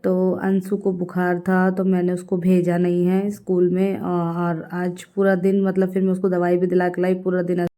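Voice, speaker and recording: A woman's voice: fairly low pitch, monotone, normal speed, hardly any pauses, mellow. A woman in her thirties chatting casually to her viewers in a home vlog, mixing English words into her talk. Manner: chatty, addresses viewers directly; mixes English words into Hindi. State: unwell with fever. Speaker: vlogger.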